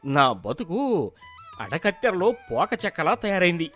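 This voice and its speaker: A man's voice: sits high, big pitch swings, measured pace, fairly bright tone, faint music behind, exaggerated voice. A man voicing a weary young farmer husband in a cartoon, pleading and exasperated, caught between quarrels. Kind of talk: cartoon voice acting.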